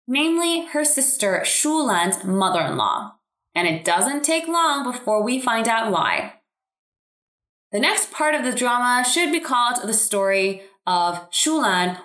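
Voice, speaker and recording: Woman, casual drama recap, slightly high voice, echoey room. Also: fairly bright tone. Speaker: podcast co-host. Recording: roomy echo.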